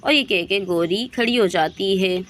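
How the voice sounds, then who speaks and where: A woman's voice: mid-range voice, measured pace. A woman narrating a bedtime moral story acted out with dolls, step by step.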